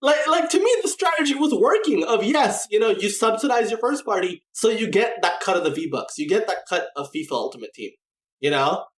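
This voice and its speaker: A man talks casually on a gaming podcast, his pitch swinging widely as he rambles and restarts his sentences. He keeps asking "right?" and "you know?" as he goes. The room around him sounds echoey. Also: big pitch swings, brisk, fairly bright tone. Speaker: podcast co-host.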